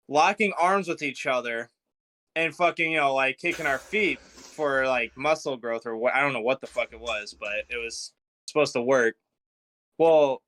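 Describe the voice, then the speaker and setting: Bright-voiced swearing man. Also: fairly high pitch, a little hiss or hum. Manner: rambling, heavy swearing. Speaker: podcast guest. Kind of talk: casual chat.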